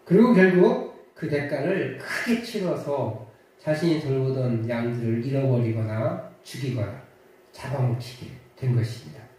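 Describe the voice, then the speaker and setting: A man's voice: mid-range voice, unhurried, a little mellow, slight background noise. A male pastor preaching a sermon, telling a story with frequent hesitations. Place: church sanctuary. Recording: echoey church hall, mic at a distance.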